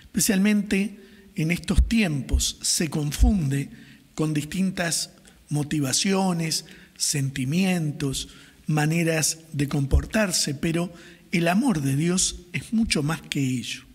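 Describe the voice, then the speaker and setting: A middle-aged man, a priest, reads the Gospel and preaches a homily in a calm, measured way from a lectern microphone in a small chapel. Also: on the high side, slightly rough. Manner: calm, measured liturgical delivery. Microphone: gooseneck microphone on the lectern. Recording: reverberant chapel sound.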